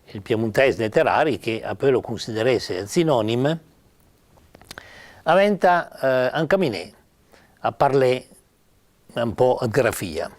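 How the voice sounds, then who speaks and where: An older man with a Piedmontese accent giving an informal spoken lesson on spelling, halting with many pauses and fillers. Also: mid-range voice, animated. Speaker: writer teaching Piedmontese spelling.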